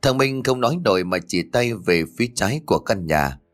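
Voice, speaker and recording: A man narrating a first-person horror story in a tense, measured storytelling manner. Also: lowish voice, animated.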